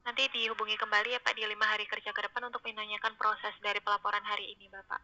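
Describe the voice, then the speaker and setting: Bright, brisk female customer service voice. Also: medium pitch, flat delivery. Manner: polite customer service voice, scripted courtesy. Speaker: bank call centre customer service agent. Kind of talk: formal customer service phone talk. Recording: muffled lo-fi telephone line.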